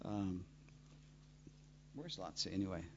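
Man, pastor, relaxed rambling intro, low voice, muffled lo-fi recording. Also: takes it slowly, a little hiss or hum. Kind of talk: introducing a speaker. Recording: dull lo-fi sound.

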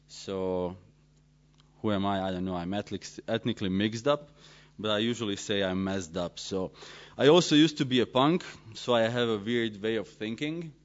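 A man pastor from Serbia, giving a joking, self-deprecating conference talk in halting English. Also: fairly low pitch. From Serbia (former Yugoslavia). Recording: dull lo-fi sound.

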